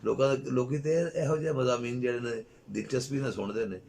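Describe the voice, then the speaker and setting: A man's voice: mid-range voice, fairly even intonation, fairly quick, creaky, a little hiss or hum. Impassioned Punjabi man giving Sufi talk. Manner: impassioned, rising to loud exclamations. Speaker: Sufi speaker. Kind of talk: spiritual talk.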